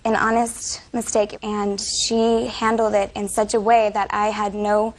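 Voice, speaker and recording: A young woman from California giving measured, defensive testimony in a courtroom. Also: mid-range voice, level tone, rough recording. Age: young adult.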